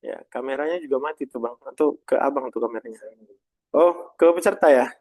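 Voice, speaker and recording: A man leading a live presentation-skills workshop, lively and emphatic, often checking in with the audience. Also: medium pitch, a little fast. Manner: lively, emphatic, keeps asking the audience for replies. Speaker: presentation trainer. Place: meeting room with a live audience and a video call.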